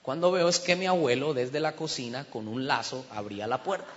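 A man's voice: mid-range voice, a little fast, background noise. A man from Colombia, preaching a sermon as humorous storytelling and asking the congregation questions. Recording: dull sound with long hall reverb.

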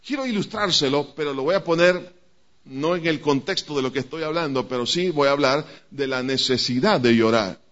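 A man's voice: fairly high pitch, moderate pace, a bit bright. A man preaching a sermon to a congregation, speaking emphatically and addressing listeners directly. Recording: dull lo-fi church recording.

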